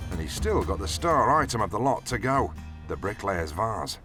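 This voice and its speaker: A man's voice: on the low side, big pitch swings, moderate pace, bright, forceful tone, faint music behind. A man reading scripted narration for a television documentary.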